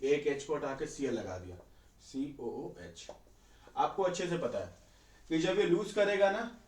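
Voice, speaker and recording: A male chemistry teacher giving a conversational exam-prep lecture, often asking students rhetorical questions. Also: a little high. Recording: echoey room.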